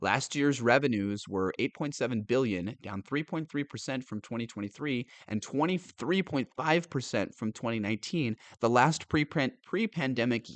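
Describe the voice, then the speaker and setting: A man's voice: medium pitch, animated, normal speed, hardly any pauses, dry recording. A male commentator reading news aloud and reacting with sarcastic disbelief, laughing often and stumbling over words.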